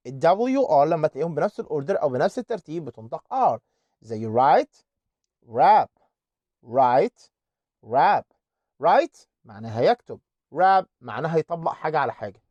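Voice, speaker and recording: A man with an Egyptian Arabic accent teaching an online English lesson, repeating words slowly to drill their pronunciation. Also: a little high, darkish tone, no echo, dull audio.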